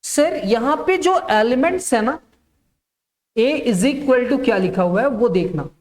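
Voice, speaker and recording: A woman teaching a maths class at an unhurried, deliberate pace. She works through the material one step at a time, asking the class short questions and then giving the answers herself. She repeats each key term so that it sticks. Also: on the high side, expressive, darkish tone. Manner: slow, step-by-step dictation.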